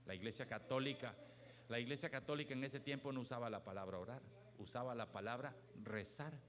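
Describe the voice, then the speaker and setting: A pastor delivers a sermon in a mid-range voice at a slightly fast pace, telling stories and swinging emphatically between hushed and loud delivery.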